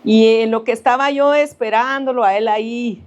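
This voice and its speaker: A middle-aged woman from Central America giving a sermon that mixes a personal hospital story with scripture, telling it with animated, rising emphasis. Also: a little high, moderate pace, dull audio. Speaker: preacher.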